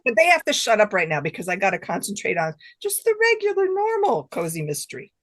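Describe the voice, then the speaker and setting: A woman with grandchildren, middle-aged or older, talks casually as a guest author being interviewed. Her medium-pitched voice has a sing-song lilt and a quick pace, and she comes across as effusive and enthusiastic.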